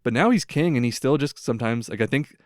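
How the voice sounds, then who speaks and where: This young podcast host from the United States talks fast with lively intonation at a medium pitch, rambling casually through stories loaded with "like" and other fillers. The recording is dry and studio quality.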